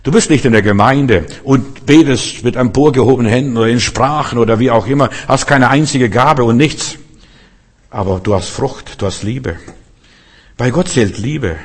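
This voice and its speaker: A man's voice: medium pitch, normal speed, husky. A man preaching a sermon, emphatic and repetitive, speaking directly to his listeners.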